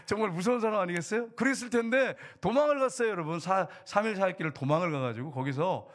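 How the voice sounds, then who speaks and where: A middle-aged man, a pastor, preaching an animated sermon with sudden loud bursts and hushed asides. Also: sits high, fast.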